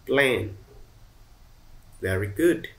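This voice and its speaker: A man teaching English to children, slow and encouraging and praising them often. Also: medium pitch, lively intonation, a bit bright.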